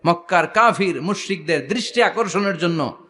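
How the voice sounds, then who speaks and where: Rousing Bengali preacher calling out to a crowd. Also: male voice, high-pitched, lively intonation, pushed and bright. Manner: rousing call-and-response with the crowd; chants Quranic verses slowly. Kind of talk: sermon.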